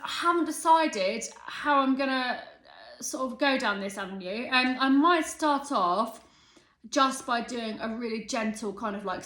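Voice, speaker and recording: In an echoey room, a vlogger in her thirties talks in a chatty, rambling way that comes across as self-aware and determined. Her voice sits on the high side, bright and forceful.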